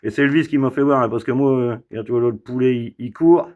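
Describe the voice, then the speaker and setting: A man's voice: medium pitch, steady tone, fast. A man casually showing off his toy car collection, chatty and rambling with lots of fillers and asides. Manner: chatty, rambling, many fillers and tag questions. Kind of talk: casual unboxing vlog. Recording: slightly dull lo-fi sound.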